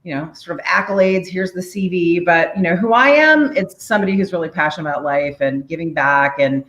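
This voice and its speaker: Low-voiced upbeat woman in her forties. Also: brisk, reverberant. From United States, DC area. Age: 40s. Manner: energetic, upbeat, laughs often. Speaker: guest, city mayor. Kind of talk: podcast interview, casual.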